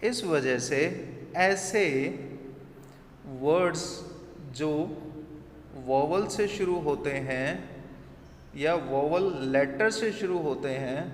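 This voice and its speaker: A male teacher explaining grammar slowly, asking rhetorical questions as he goes. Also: fairly high pitch, lively intonation. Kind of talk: classroom grammar lesson. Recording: echoey room, faint ambient noise.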